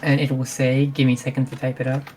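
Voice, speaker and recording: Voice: medium pitch, monotone, quick pace, darkish tone, faint music behind. A player in a tabletop role-playing game, chatting casually and speaking for their character.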